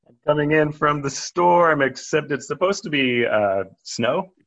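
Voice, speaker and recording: A man's voice: fairly high pitch, expressive, a little slow, fairly bright tone. A man chatting casually as a podcast co-host. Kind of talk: casual chat.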